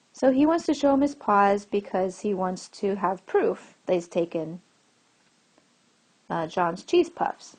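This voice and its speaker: A woman's voice: mid-range voice, a little mellow. A woman teacher giving a recorded lesson to children, explaining patiently and asking the class questions as she goes.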